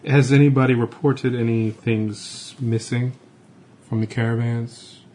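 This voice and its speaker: A man's voice: mid-range voice, fairly even intonation, measured pace, darkish tone. A man chatting casually as a player at a tabletop game, asking short questions.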